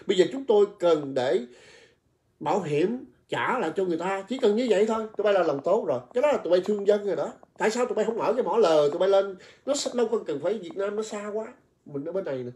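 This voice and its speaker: A man's voice: high-pitched, lively intonation, very fast, a little mellow. Coarse ranting man. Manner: coarse, insulting, repetitive ranting. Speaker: livestreamer. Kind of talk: heated livestream rant.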